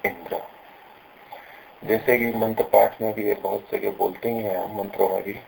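A man teaching pronunciation, explaining patiently and slowing down to stress syllables when he demonstrates. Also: fairly low pitch, flat delivery, gravelly, a little mellow, a little hiss or hum, poor audio. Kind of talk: explanatory lesson with recited examples.

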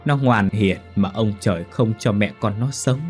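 A man voicing a calm, scheming older woman who pleads in a low voice. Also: moderate pace, faint music behind, close to an everyday voice. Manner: pleading, cool.

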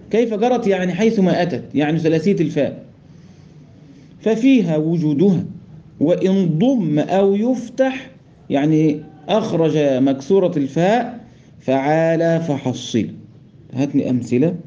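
A man's voice: fairly high pitch, lively intonation, normal speed, warm tone. A man with an Egyptian accent teaching a class on Quran recitation rules, explaining step by step, quizzing his students and chanting verse quotations. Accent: Egyptian Arabic. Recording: dull lo-fi recording.

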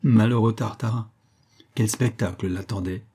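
Narrating an audiobook of a classic novel, this man reads in a measured yet expressive way. He has a lowish, slightly rough voice.

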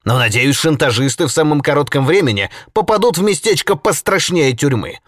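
A man voicing a furious male socialist agitator who shouts indignant tirades. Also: fairly high pitch, expressive, fairly quick, dry recording, clean studio sound, voice pushed up.

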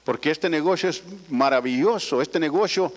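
A man's voice: a little high, normal speed. An older man tells a rambling, folksy personal story to an audience, often adding little tag questions. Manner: folksy, rambling, frequent "¿verdad?" tags. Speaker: speaker addressing business associates. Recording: long hall reverb.

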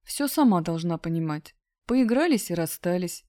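A woman reading a husky, careless young man who mockingly dumps his girlfriend in an audiobook. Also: on the low side, animated, normal speed, mellow, dry recording, clean studio sound, lightly acted.

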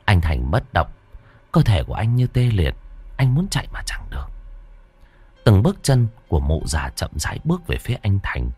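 A man reading a horror story aloud in a dramatic, expressive way. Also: low-pitched, moderate pace, husky, dry recording, soft background music. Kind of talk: scripted horror story narration.

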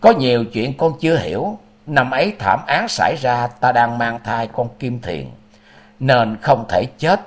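A noble middle-aged mother in a storybook, her voice choked with sorrow and rising and falling widely, as a male reader puts her on. She speaks gravely and slowly. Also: medium pitch, lively intonation, lightly acted. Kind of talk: storybook narration.

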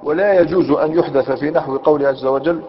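A man's voice: fairly high pitch, fast talker. A man teaching a grammar lesson, explaining step by step and often checking with his students. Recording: dull lo-fi recording in a reverberant hall.

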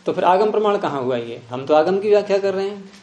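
A man's voice: high-pitched, lively intonation, fast talker, a little mellow, echoey room, dull audio, a little hiss or hum. A man teaching philosophy to a class, often prompting students with questions. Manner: questioning, repeatedly prompting with "hmm?". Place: room with students present.

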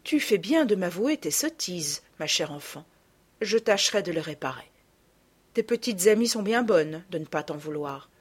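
A woman voicing a kind, refined mother who speaks calmly and tenderly. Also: on the low side, normal speed, slightly rough. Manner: calm, tender and polite.

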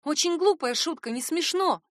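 A woman's voice: high voice, lively intonation, moderate pace, no echo, clean studio sound, pitched above the performer's own voice. A woman voicing a frightened but defiant young woman, tense and pleading. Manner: tense, pleading then insistent. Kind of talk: audiobook character voice.

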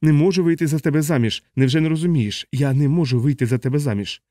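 A man's voice: fairly high pitch, fast, warm tone, dry recording, close to an everyday voice. Man reading as a hot-tempered young italian woman, insistent, indignant, dry close sound.

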